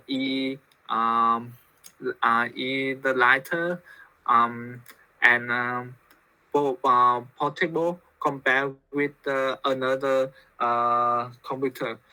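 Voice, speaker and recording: Very slow hesitant Vietnamese-accented man. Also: mid-range voice, bright, forceful tone, clear, resonant tone, dry recording, rough recording. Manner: halting, heavy with fillers. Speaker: student. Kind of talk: hesitant practice answer.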